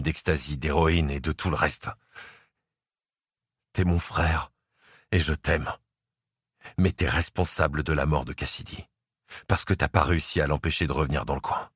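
Man reading a tired stern big brother, super deep voice, husky, dry close sound. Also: no room sound. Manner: firm, controlled, low and tired. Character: stern weary older brother, protective. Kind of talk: audiobook character voice.

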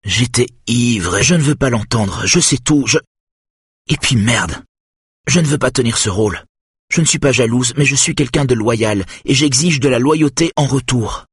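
A man's voice: mid-range voice, expressive, moderate pace, slightly rough, no room sound, clean studio sound, pitched above the performer's own voice. A man doing a hurt, furious wife. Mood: accusing. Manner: sharp accusing outbursts. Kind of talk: audiobook character voice.

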